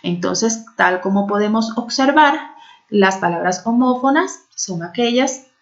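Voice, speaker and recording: A woman's voice: mid-range voice, lively intonation, unhurried. A woman teacher giving a recorded video class, explaining patiently, stopping often to check understanding and hesitating now and then. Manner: explanatory, constantly checking with "¿verdad?"; frequent hesitations. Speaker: secondary school teacher. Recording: dull lo-fi audio.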